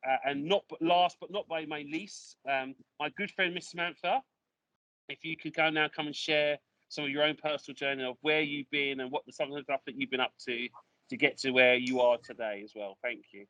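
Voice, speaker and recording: A man hosting an online panel, his voice bright and lifted with a slightly high pitch. He talks in an emphatic, motivational way, circling back and repeating phrases for effect. The sound is dry and close, as over a video call. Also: steady tone, fairly quick, no room sound, poor audio. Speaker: host. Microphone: video call mic.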